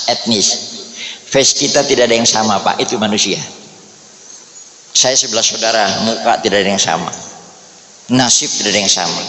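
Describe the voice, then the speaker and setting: An Indonesian Islamic preacher with an East Javanese accent gives a humorous religious study talk, chatty and joking, often calling listeners "Pak." His voice is lowish with a sharp tone. He speaks in a large, echoey office hall, and faint ambience can be heard.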